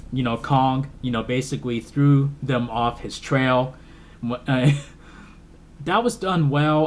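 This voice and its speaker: A man's voice: medium pitch, slight background noise. Rambling man retelling a movie plot. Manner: rambling, filler-heavy retelling with emotional asides. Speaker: movie reviewer. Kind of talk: casual film review.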